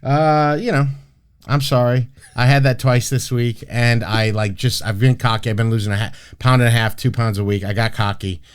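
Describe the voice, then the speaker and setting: A man's voice: medium pitch, steady tone, normal speed, clean tone. Brash, swearing podcast host man. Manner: brash, profane, rambling with frequent restarts. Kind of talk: casual podcast chat.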